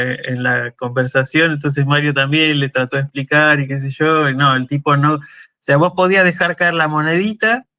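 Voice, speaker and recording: A man's voice: fairly high pitch, sharp tone, muffled recording. A man with an Argentine Spanish accent giving a university lecture, explaining step by step and often checking in with a questioning "¿sí?". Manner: thinking aloud with fillers and restarts.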